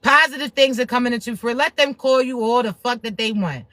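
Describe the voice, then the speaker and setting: A woman's voice: on the high side, fast, bright, forceful tone. A woman spiritual reader giving a blunt, profane, preachy pep talk to viewers on a livestream.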